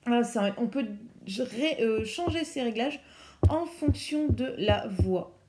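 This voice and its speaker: A woman's voice: fairly high pitch, lively intonation, slow pace, noisy background. A woman casually walking viewers through phone settings, hesitant and full of fillers and self-corrections. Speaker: YouTuber presenting phone accessibility settings. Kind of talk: casual tutorial walkthrough.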